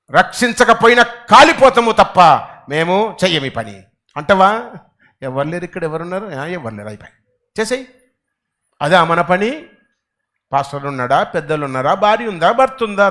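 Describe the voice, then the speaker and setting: A male pastor preaching in an animated way. His voice sits high and rings bright. He drops to quiet asides, then bursts into loud exclamations and quizzes the people in front of him. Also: normal speed, long pauses. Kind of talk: Telugu church sermon.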